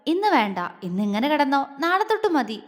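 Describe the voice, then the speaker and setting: A tender young husband in an audio romance, coaxing and affectionate, who stammers when flustered, as a woman narrator plays him. The voice sits fairly high and rings in a long reverb. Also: big pitch swings, moderate pace. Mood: teasing.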